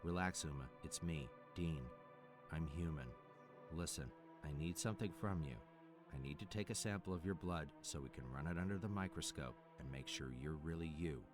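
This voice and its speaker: Deep-voiced, steady game survivor. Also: male voice, moderate pace, over music. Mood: reassuring, insistent. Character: Dean, calm firm male survivor taking charge. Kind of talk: video game voice acting.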